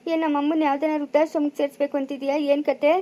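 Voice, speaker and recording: Woman doing a worked-up young village guy, super high voice, rural chikkaballapura kannada accent, begs and argues. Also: little pitch movement, very fast, mellow, lightly acted. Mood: protesting. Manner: pleading, protesting. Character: young village man, guilty, pleading son. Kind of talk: amateur village family drama.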